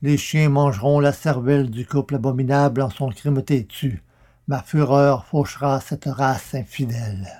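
A man's voice: medium pitch, normal speed, darkish tone, close to an everyday voice. A man voicing a wrathful old prophet, declaiming curses in solemn, thundering verse.

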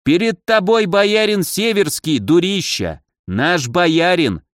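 A man's voice: high voice, expressive, takes it slowly, fairly bright tone, no room sound, studio quality, voice pushed up, full character voice. A man voicing a fussy, scolding old male boyar in an audiobook, whining and dramatic.

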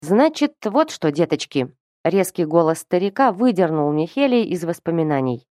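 A woman voicing a blunt, unwelcoming old man with a sharp voice. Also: fairly low pitch, big pitch swings, moderate pace, dry recording, clean studio sound. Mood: gruff.

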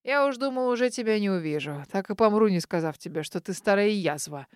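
A woman reading an audiobook, voicing a grumpy, teasing old village man who mumbles slowly and wryly. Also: medium pitch, expressive, smooth, no echo, clean studio sound, lightly acted. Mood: grumbling, wry. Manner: mumbling, slow and wry. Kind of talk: audiobook character voice.

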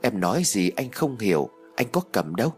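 A man voicing a calm young man who gently evades in an audio story, with a husky tone. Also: lowish voice, brisk, soft background music. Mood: evasive.

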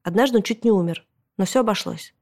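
A woman reads a children's storybook aloud, telling it in a boy's first-person voice. Her narration is lively and expressive, at an ordinary middle pitch. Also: fast. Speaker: audiobook reader.

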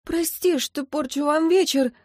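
A woman acts out a teenage girl in an audiobook, crying hard into the phone. She stammers and chokes on her words, her voice pitched up high. The sound is close and dry. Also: unhurried, a little mellow, no room sound. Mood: tearful pleading. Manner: stuttering between sobs. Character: teenage girl sobbing after a breakup.

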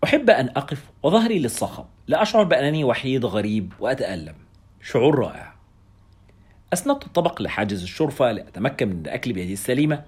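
A man tells a first-person story as an audiobook narrator. He reads fast and expressively, his pitch rising and falling with lively movement. His voice has a slightly husky grain.

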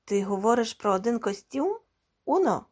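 A woman's voice: a little high, very animated, normal speed, a little mellow. A woman voicing a shy, doubtful young man who speaks up in raised, surprised exclamations.

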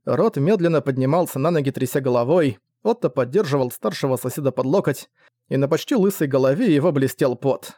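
A man's voice: mid-range voice, animated, fairly quick, dark tone, dry recording, clean studio sound. A man giving a vivid, dramatic scripted narration of a fantasy novel. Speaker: audiobook narrator.

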